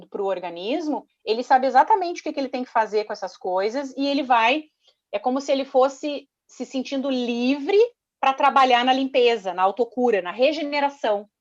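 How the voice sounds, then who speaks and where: A woman's voice: fairly high pitch, muffled recording. A woman doctor, explaining health topics on a video call and checking that she is understood. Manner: didactic, checks understanding with tag questions. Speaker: doctor giving a health talk. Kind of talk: explaining to an online audience.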